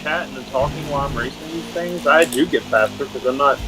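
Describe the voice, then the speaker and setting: A man from Cincinnati chatting casually about sim racing in a relaxed, rambling way. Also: medium pitch, fairly quick, loud music behind the voice, low-quality recording. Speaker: fellow sim racer. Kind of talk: casual chat.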